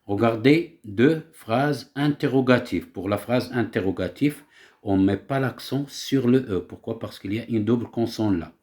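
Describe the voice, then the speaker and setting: A man's voice: medium pitch, a little slow, darkish tone. A male teacher giving a grammar lesson, explaining step by step and asking himself rhetorical questions.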